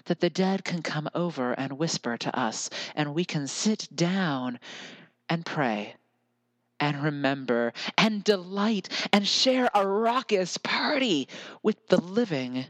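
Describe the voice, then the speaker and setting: An American podcast host talks alone in a reflective solo monologue, earnest and musing, often slipping into lyrical repetition. His voice is mid-range, expressive and slow, with no echo.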